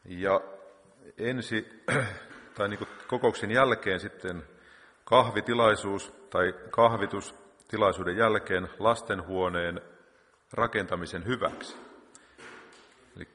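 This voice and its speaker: A man leading a church meeting speaks at a fairly low pitch with fairly even intonation, a fairly bright tone and long pauses. His spontaneous prayer is punctuated over and over by "Lord" before he moves on to the week's announcements, all echoing in the long reverb of a church hall.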